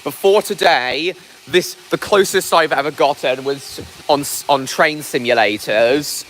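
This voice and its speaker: On a casual livestream outdoors at a heritage railway engine, a train-loving man with a voice on the high side talks a little slowly. He keeps raising his voice and repeating himself against the loud steam engine noise behind him.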